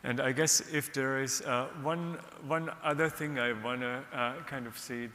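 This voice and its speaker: A man from Austria, an economist on a panel, giving measured, earnest advice. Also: mid-range voice, steady tone, bright, forceful tone. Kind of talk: panel discussion remarks. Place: large conference hall. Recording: reverberant hall.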